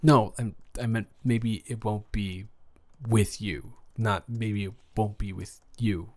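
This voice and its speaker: A shy outcast schoolboy in a romantic audio drama, voiced by a man, tripping over his words in a slightly low voice. He stutters, restarts and hedges as he talks, nervous and awkward, recorded close to the mic. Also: measured pace. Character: anxious shy new boy at school, outcast. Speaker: audio roleplay performer. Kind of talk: romantic audio role-play.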